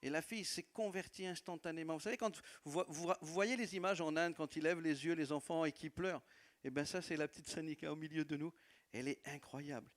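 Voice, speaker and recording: A fast-talking man with a higher-side voice and a non-native French accent preaches as a pastor, sharing his church's stories as a sermon testimony. The setting is a church hall, and his warm telling is peppered with laughs and repetitions.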